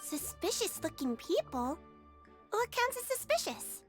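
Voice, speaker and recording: A woman's voice: very high voice, very animated, a little slow, faint music behind, exaggerated voice. A woman voicing a small, forgetful girl of a non-human race in a game, speaking cheerfully and innocently like a child. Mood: sweet.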